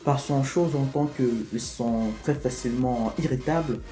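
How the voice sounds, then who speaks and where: A man from Africa talking to camera in a vlog, explaining things in an unhurried, hesitant way. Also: mid-range voice, mellow. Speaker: vlogger. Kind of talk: casual explanatory vlog talk. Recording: echoey room with faint music.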